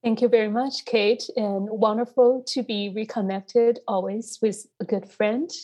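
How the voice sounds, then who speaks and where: A woman scholar who speaks natively answers interview questions, her voice hoarse from a recent illness. She talks in a thoughtful, measured way, with a mellow, dark tone at a middle pitch. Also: steady tone. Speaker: guest scholar. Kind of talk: conversational interview.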